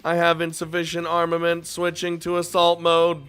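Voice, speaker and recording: A woman voicing a female combat robot in a video game, speaking through a robotic voice filter in flat, even status announcements. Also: on the low side, normal speed, clean tone, faint music behind. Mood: mechanical. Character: female combat robot girl, calm and mechanical. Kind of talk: video game character dialogue.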